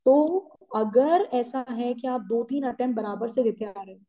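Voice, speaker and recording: A woman's voice: a little high, normal speed, mellow, rough recording. A woman teacher gives students a firm, scolding pep talk, slipping into English phrases.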